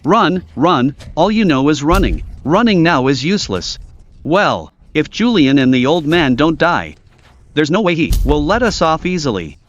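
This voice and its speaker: An actor playing a scheming, self-pitying young villain in overacted dubbed melodrama. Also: male voice, fairly high pitch, sing-song, moderate pace, highs cut off. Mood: scheming, irritated. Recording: music behind the voice.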